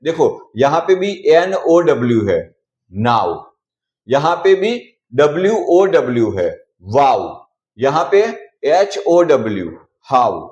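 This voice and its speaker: Lively male teacher, echoey room. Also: fairly high pitch, highs cut off. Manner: repeats example words slowly, asks and answers his own questions. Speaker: English teacher. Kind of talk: explaining pronunciation rules.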